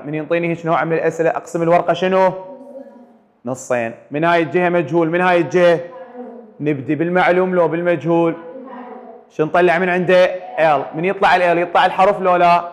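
A man's voice: on the high side, in a large hall. A man with an Iraqi Arabic accent teaching a math lecture, firing questions at his students and repeating them for the class to answer. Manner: quizzes students with repeated call-and-response questions.

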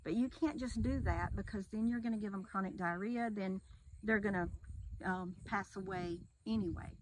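Middle-aged woman, wildlife rehabber, patient step-by-step explainer, camera a few feet off outdoors, clear background noise. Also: medium pitch, moderate pace, rough recording. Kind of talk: casual outdoor interview. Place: outdoors by a metal barn wall.

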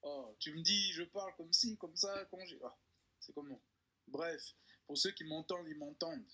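A joking man from Congo speaking with a French suburban accent, his voice bright and a little husky. He talks playfully and keeps leaping up into a high, exaggerated voice for comic effect. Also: normal speed. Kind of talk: joking casual chat.

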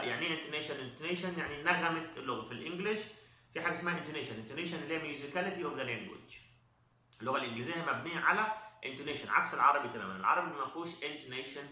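A man with an Egyptian Arabic accent, explaining an English test as an instructor, pausing often on drawn-out "uh" fillers and mixing in English terms. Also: on the high side, bright, forceful tone, echoey room. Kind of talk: explanatory talk.

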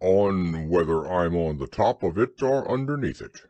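A man voicing a proud, simple-minded, earnest storybook bear with a growly voice and slow, deliberate speech. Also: low voice, lively intonation, warm tone, dry recording.

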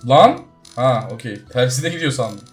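Brief: male gaming commentator, fairly high voice, jumpy and chatty, faint music underneath. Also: normal speed. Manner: excitable, swings between loud surprise and muttering; talks straight to viewers. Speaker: gaming YouTuber. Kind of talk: casual gameplay commentary.

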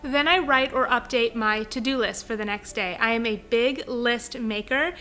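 A woman's voice: fairly high pitch, moderate pace. A young woman hosting her home vlog, upbeat, friendly and chatty. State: pregnant. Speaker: vlogger host. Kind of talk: cheerful vlog talk and voice-over narration. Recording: soft background music.

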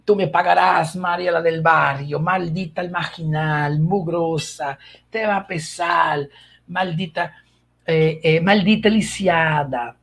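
A man voicing a spiteful rich villainess from a soap opera, hurling insults with exaggerated intonation and a husky voice. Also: on the high side, takes it slowly, a bit bright, full character voice. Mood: scornful.

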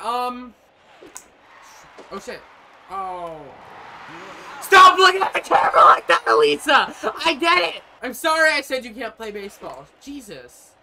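A young man giving casual, profane commentary on his own gameplay from a small room, rambling and often breaking into loud yells. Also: very high voice, slight background noise. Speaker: gaming streamer.

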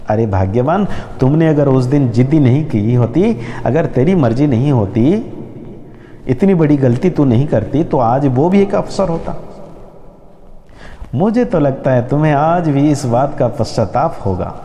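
A man's voice: mid-range voice, animated, a little slow, mellow, big-room sound, close to an everyday voice. A man voicing an aging father who complains bitterly about his youngest son and scolds his wife. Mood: complaining.

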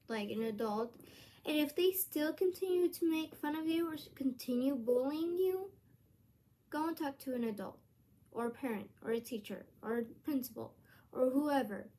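A woman's voice: a little high, dark tone, a little hiss or hum. A woman vlogging to her channel in a rambling, earnest way, full of hesitant restarts. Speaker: YouTuber. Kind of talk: casual vlog monologue.

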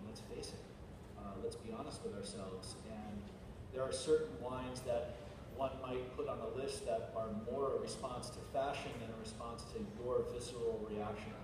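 A man speaking as a sommelier on a panel, thoughtful and rambling with many restarts. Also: medium pitch. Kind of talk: panel discussion. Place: large glass-walled event hall. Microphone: far camera. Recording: echoey hall from far off, noisy.

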